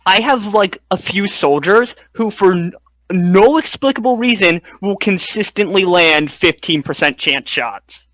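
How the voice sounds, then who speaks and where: A man with a notably high voice talks casually as a podcast co-host. He is blunt and emphatic, and the sound is dry with no room to it. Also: expressive, measured pace, fairly bright tone, no echo, low-quality recording. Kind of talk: casual chat about games.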